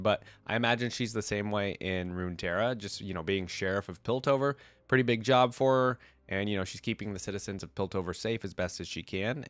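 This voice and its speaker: A man with a fairly low, clear, resonant voice sounds stuffy and congested from a cold. As a video host, he gives casual, rambling reaction commentary, thinking aloud as he goes. Game theme music plays in the background, with no room sound.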